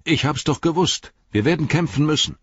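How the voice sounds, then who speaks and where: A man voicing an eager, bold young male hobbit who speaks with urgency, husky and raised in pitch. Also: fairly quick, no room sound. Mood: eager, urgent. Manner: excited, urgent. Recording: dry, slightly dull studio sound.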